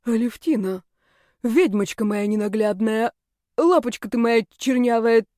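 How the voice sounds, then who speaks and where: A woman voicing a brash young man who coaxes his friend warmly. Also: on the high side, measured pace, no echo, studio quality, natural voice. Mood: coaxing.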